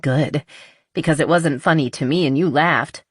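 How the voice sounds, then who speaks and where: A woman voicing a young woman in an audiobook, raising her voice in an emphatic, lively way. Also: sits low, moderate pace, breathy edge, no echo, studio quality. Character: flustered young woman, then sweetly teasing. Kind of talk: audiobook character voice.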